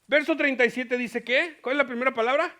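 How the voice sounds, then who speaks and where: A lively man preaching a Bible lesson in a church, his high voice rising sharply when he stresses a point and falling soft when he turns serious. His tone is bright and forceful, and he slips English words into his teaching. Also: brisk. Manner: animated, mixes English words into Spanish, acts out Paul's lines. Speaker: pastor. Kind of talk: bilingual Bible teaching sermon.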